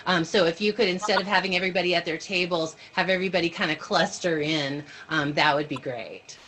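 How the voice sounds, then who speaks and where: Speaking fairly quickly in a fairly low, fairly bright voice, a woman leads a casual online workshop for teachers. She explains each step and checks in with her audience, with a Q&A portion, and the video-call audio is noisy.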